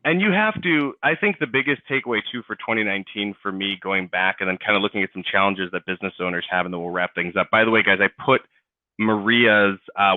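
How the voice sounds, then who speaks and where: A man's voice: lowish voice, dry recording. Man host on a tinny, dry line. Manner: rambling, restarts sentences often. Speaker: podcast host. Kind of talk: casual interview chat. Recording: tinny phone-like dry audio.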